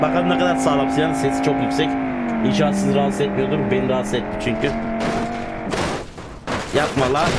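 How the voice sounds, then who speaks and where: A young man giving casual gameplay commentary as a YouTuber, swinging between loud excited outbursts and low muttering. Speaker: gaming YouTuber. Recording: clear background noise. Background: game car sounds.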